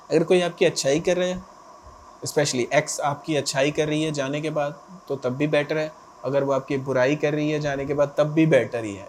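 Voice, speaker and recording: A man's voice: mid-range voice, a little mellow, a little hiss or hum. A man giving relationship advice straight to his viewers, emphatic and often checking in with short asides. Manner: emphatic, repeats "theek hai" as a check-in. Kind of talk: direct-to-camera advice talk.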